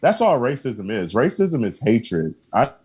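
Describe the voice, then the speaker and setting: A man's voice: mid-range voice, very animated, unhurried, darkish tone, a little hiss or hum. A man talking as a podcast guest in casual conversation, earnest and emphatic, often repeating his affirmations and laughing between points.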